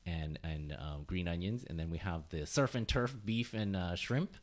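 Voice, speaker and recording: A man's voice: deep voice, normal speed. A man hosting a podcast interview, talking casually with many fillers and restarts and laughing easily. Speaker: podcast host.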